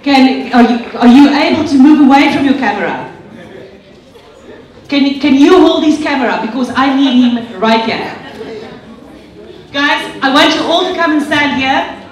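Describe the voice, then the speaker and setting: A woman with a high-pitched voice hosts a live event, addressing the audience with polished, enthusiastic presenter flair at a measured pace with long pauses. She's far from the mic in a large, very echoey indoor hall, with some chatter in the background.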